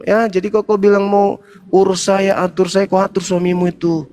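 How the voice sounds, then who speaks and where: A man's voice: high-pitched, flat delivery, normal speed, a little mellow. A middle-aged man hosting a heated live religious debate, talking combatively and mocking his opponent with laughter. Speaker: debate show host, foundation founder.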